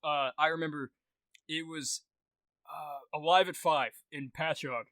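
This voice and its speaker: A young man co-hosting a podcast, telling a story casually, animated, swearing often and restarting his sentences. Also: fairly high pitch, a little slow, no room sound. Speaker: podcast co-host.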